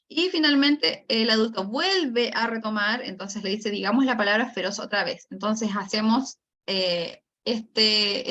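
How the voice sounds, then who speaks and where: A woman's voice: on the high side, vocal fry, fairly bright tone. A woman speech therapist, giving an online lecture, explaining step by step with many fillers and tag questions. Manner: acts out storytelling examples for children. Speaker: speech therapist teaching a course. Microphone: video call. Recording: dull lo-fi video call audio.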